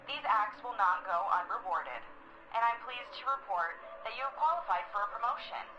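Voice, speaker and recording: An actress playing an eerie female office supervisor whose processed, computer-like voice makes formal, flat announcements like an automated system. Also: medium pitch, a little fast. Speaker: supervisor in a game. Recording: dull lo-fi game audio with noise.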